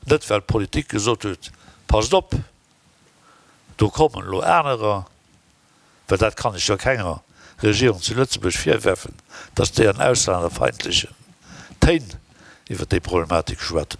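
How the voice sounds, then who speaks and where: Gravelly low-voiced man at a conference. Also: no room sound. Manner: opinionated, conversational. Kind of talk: conference discussion. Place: conference hall.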